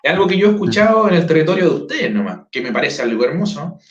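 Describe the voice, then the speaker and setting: A man's voice: fairly high pitch, very animated, quick pace. A man hosts a casual online interview, often adding tag questions and restarting his sentences. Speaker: host. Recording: echoey, dull lo-fi sound.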